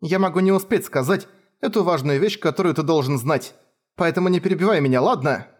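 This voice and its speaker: A man reading an audiobook, voicing a tearful, devoted young woman warrior who pleads and breaks into shouts. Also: a little high, a little fast, voice pushed up, close to an everyday voice. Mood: earnest. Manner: pleading, sobbing, rising to shouts. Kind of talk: audiobook character voice.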